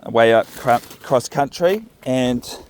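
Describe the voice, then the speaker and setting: Male vlogger, New Zealand accent, mid-pitched, casual and musing, thinks aloud in an unhurried ramble. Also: expressive, darkish tone, a little hiss or hum. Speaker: vlogger walking his dog. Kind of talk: casual rambling vlog narration. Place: outdoors, walking along a path. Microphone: phone recording while walking.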